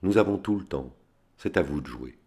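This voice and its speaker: A man with a very deep voice voicing a cold, composed male spy questioning a prisoner in measured tones. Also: lively intonation, darkish tone.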